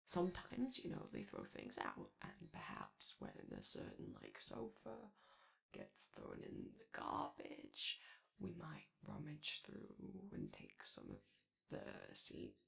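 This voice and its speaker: An excitable, gentle robot sun character acted out by a woman in an ASMR roleplay. The voice swings widely in pitch and breaks into heavy creak. The delivery is chatty, hesitant and self-conscious, rambling on as it comforts the listener. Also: slow pace, heavily acted. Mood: soft, wistful.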